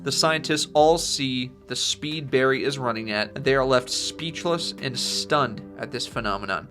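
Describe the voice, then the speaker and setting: A man narrating his own movie pitch scene by scene in a plain reading voice, over faint music. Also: a bit bright.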